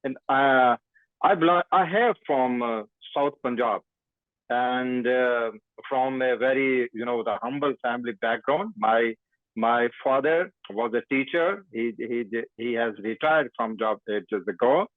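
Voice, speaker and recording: A man from Pakistan with a Pakistani English accent, a guest journalist talking haltingly with many fillers over a remote call. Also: medium pitch, dry recording. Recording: tinny dry phone-like line.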